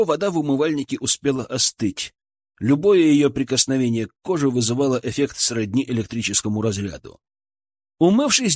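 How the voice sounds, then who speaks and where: Husky male audiobook narrator. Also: medium pitch, dry recording, studio quality.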